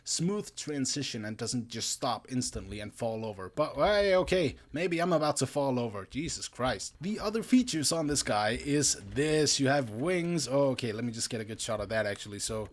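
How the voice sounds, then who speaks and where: A man with a tired voice doing casual gameplay commentary as a video host, getting excitable as he shows off his builds. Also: mid-range voice, normal speed, hardly any pauses. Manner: excitable, laughs and exclaims while playing. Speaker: gaming YouTuber.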